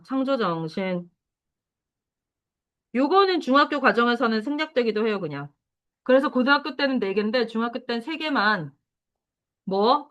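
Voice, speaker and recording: A woman teacher giving a lively, chatty lecture to middle schoolers, talking straight to the class and drawing out key words slowly. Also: on the high side, lo-fi sound. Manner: lively, chatty, addresses students directly.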